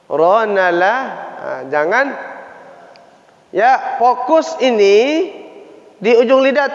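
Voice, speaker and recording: A man teaching Quran pronunciation, repeating syllables slowly for students to copy. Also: high-pitched. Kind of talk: classroom lesson on pronunciation. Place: mosque hall. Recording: echoey hall, dull lo-fi sound.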